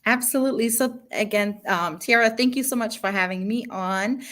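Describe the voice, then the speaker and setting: A woman's voice: on the high side, normal speed, fairly bright tone. A woman in her late thirties from Bosnia, a guest business consultant telling her story in a panel talk. She speaks earnestly and eagerly, with many fillers.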